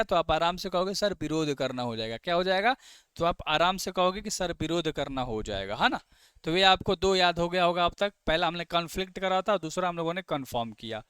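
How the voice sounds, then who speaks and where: A man's voice: sits high, a bit bright, smooth, no echo, clean studio sound. A man teaching exam vocabulary. He keeps asking questions and answers them himself, and he spells words out letter by letter. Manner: plays the student's reply as "sir, ...". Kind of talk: vocabulary lesson for exam students.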